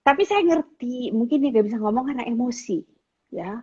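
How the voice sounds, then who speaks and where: A woman's voice: on the high side, fairly quick, slightly rough, lo-fi sound. A middle-aged woman giving casual advice to teenagers, telling stories and acting out what family members say. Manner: animated storytelling, acts out quoted family members. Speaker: guest speaker on parenting.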